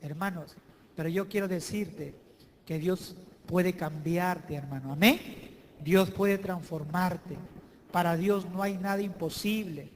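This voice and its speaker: A male pastor preaching a sermon in a church, emphatic and swinging between loud declarations and hushed asides. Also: sits high, steady tone, slow pace, a little hiss or hum.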